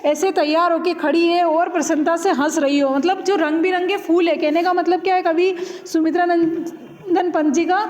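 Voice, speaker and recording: A woman's voice: very high voice, steady tone, moderate pace, darkish tone. A woman teacher explaining a poem line by line to her students, patiently repeating phrases and checking in with them. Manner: patient, repeats lines and asks "है ना". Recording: long hall reverb.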